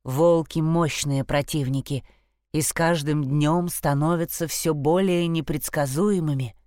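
Storybook role: a woman reading a low, solemn old-forest stag, unhurried. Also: fairly even intonation, warm tone, no room sound, studio quality. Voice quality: low, slow, grave.

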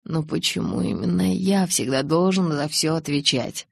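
A woman voicing a calm, tender young man with soft, restrained speech in an audiobook. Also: sits low, normal speed, creaky, slightly rough, dry recording, exaggerated voice. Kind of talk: audiobook character reading.

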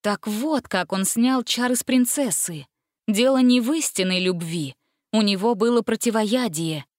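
A woman's voice: mid-range voice, moderate pace, no echo, clean studio sound. Woman reading a storybook aloud. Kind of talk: storybook narration.

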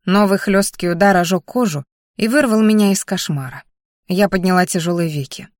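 A woman's voice: on the low side, moderate pace, a little mellow, no room sound, clean studio sound. Woman narrating a first-person novel. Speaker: audiobook narrator.

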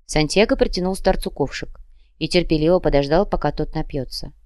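A woman narrating an audiobook in an even, measured reading. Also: low voice, no echo, clean studio sound. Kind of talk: scripted narration.

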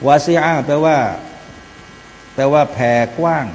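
Addressing his audience as brothers and sisters, this preacher alternates chanted Arabic verses with simple explanations of the Quran. He has a fairly high pitch, a level tone and a slightly slow pace, heard through long hall reverb with a faint mains hum.

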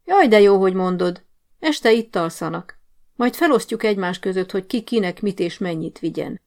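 A woman's voice: mid-range voice, expressive, darkish tone, lightly acted. A woman doing a bossy prison sergeant-major. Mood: scheming. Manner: commanding, barking orders.

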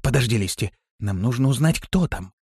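A man's voice: mid-range voice, big pitch swings, normal speed, darkish tone, slightly rough, no echo, clean studio sound, pitched above the performer's own voice. A man reading an audiobook, voicing a timid young female demoness who speaks in a trembling, pleading, fearful voice. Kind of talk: audiobook character voice.

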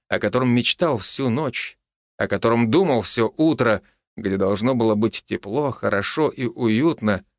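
A man narrating a scripted story with expressive, dramatic delivery. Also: medium pitch, no room sound, clean studio sound.

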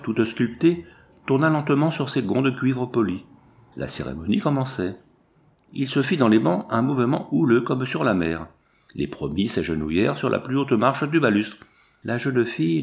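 A man narrating a story aloud at a measured, even pace. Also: medium pitch, creaky. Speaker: audiobook narrator.

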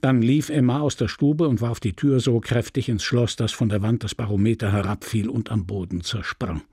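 A man reading a literary novel aloud as an audiobook, measured and expressive. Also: mid-range voice, dry recording, studio quality. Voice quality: gravelly, husky. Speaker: audiobook reader.

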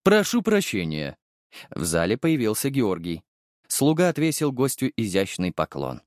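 Low-voiced expressive male narrator. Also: normal speed, dry recording, studio quality. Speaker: audiobook narrator. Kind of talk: first-person audiobook narration.

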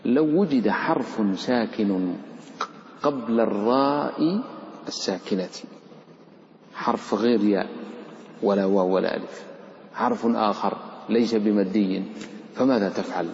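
A man's voice: a little slow, long pauses, slight background noise. Man teaching in an echoey hall. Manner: explains rules, then chants the Quranic examples; lively, questions and teases the students. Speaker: Quran recitation teacher. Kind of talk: live tajweed lesson. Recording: echoey hall, dull low-fi sound.

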